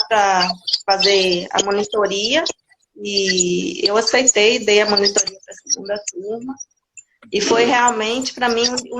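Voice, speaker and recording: A high-voiced woman in her forties from Minas Gerais, Brazil, chats candidly as a guest in a casual interview, frequently restarting her sentences. There's noise in the background.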